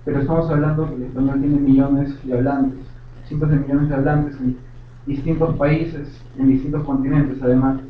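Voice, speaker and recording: A man's voice: medium pitch, flat delivery, moderate pace, slight background noise. Peruvian man lecturing in a tinny hall. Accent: Peruvian Spanish. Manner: didactic, uses examples, careful distinctions. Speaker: audience member adding a clarification. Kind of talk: explanatory comment from the floor. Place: university auditorium. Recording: distant, echoey auditorium, tinny phone-like sound.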